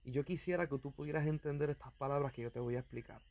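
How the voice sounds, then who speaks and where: A man's voice: mid-range voice, fast, darkish tone. A man preaching as an evangelist, speaking earnestly and directly to the listener, with fervent emphasis. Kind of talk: sermon.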